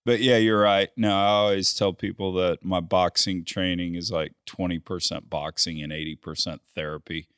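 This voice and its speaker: A man's voice: low-pitched, steady tone, normal speed, few pauses, a bit bright, smooth, no room sound, clean studio sound. An older man hosting a podcast, chatty and folksy, telling stories and laughing easily. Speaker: podcast host. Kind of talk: casual podcast chat.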